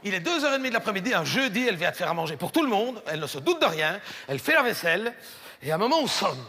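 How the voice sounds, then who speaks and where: A Belgian French comedian with a high, bright voice, telling stories in a playful, animated stand-up style and often restarting his sentences. His voice rings out through a big theater with a long reverb, and faint audience noise can be heard behind him. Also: very fast. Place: large theater stage. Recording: live stage, long hall reverb.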